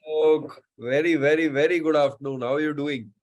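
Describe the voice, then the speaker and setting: A Mumbai man with an Indian English accent hosts a live online show, chatting casually with plenty of fillers and words repeated three times. His slightly high voice is steady and fairly quick, and the recording is rough.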